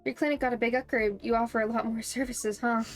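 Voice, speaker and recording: A woman's voice: on the high side, fairly even intonation, fast, soft background music. Bubbly woman streamer reading game text. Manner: bubbly, giggly, playful asides. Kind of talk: reading game text aloud with excited reactions.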